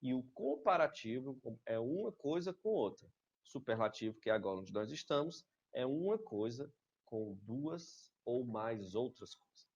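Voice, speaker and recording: A man teaching English grammar in a recorded lesson. He explains step by step and keeps checking that students follow with quick "right?" tags. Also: medium pitch, very animated, darkish tone, breathy edge. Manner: explains slowly, often checks with "certo?" and "tá?". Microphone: webcam video lesson. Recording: slightly dull lo-fi sound.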